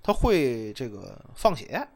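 A man telling casual anecdotes in a chat, animated and laughing, swinging between loud and soft with coarse slang. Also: medium pitch, takes it slowly, gravelly, noisy background. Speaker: storyteller host.

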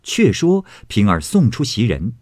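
A man reading a classic novel aloud as an expressive storyteller. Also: lowish voice, a little slow, no room sound, studio quality.

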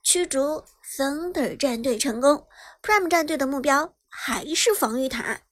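A woman narrating a web novel chapter in brisk storytelling style, lifting her voice on the action. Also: high voice, lively intonation. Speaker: audiobook narrator. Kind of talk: scripted narration.

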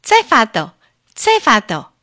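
A woman doing a squeaky, frightened little rabbit. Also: huge pitch swings, slow, sharp tone, exaggerated voice. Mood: obedient. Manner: high, trembling, pleading.

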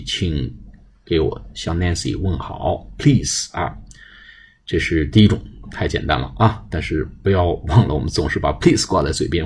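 A man with a deep, low voice and a slightly husky tone teaches English to Mandarin speakers. He has a Chinese accent, slows down to spell out example phrases, and then explains them in Mandarin. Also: a little mellow. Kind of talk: bilingual English lesson.

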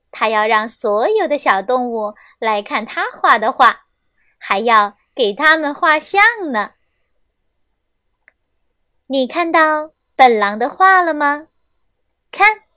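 A young woman reading a children's story aloud, gentle and expressive, on a close mic. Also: high voice, no room sound.

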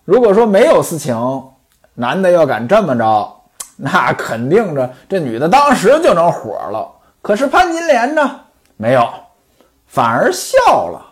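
A man telling a story in the traditional storyteller's manner. His voice sits high and leaps up and down with lively expression. He keeps turning to the listener with chatty, knowing asides. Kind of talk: traditional Chinese storytelling narration.

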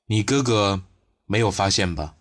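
A man voicing a blunt middle-aged laborer who speaks in short, low warnings in an audiobook. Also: expressive, normal speed, a bit bright, natural voice. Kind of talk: audiobook character voice.

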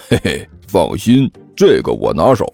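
A man voicing a calm, clever boy who speaks matter-of-factly while planning. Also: low voice, slow pace, gravelly, faint music behind, exaggerated voice.

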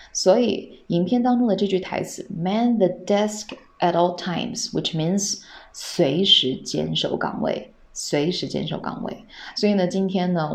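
Low gravelly woman teaching English. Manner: patient, repeats phrases slowly, asks rhetorical questions. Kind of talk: podcast English lesson.

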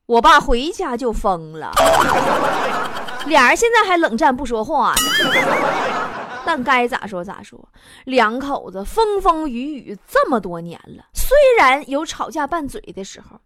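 High lively woman telling jokes. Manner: wry, self-mocking, chatty. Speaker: host. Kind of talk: comic storytelling monologue.

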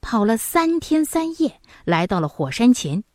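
A woman narrating a children's folk tale slowly and expressively, with excited rising peaks at dramatic moments. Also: on the high side, no echo, clean studio sound. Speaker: storyteller.

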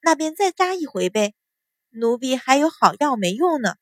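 A woman voicing a calm young maid who speaks mildly and unhurriedly. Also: sits high, no echo, clean studio sound. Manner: mild, unhurried.

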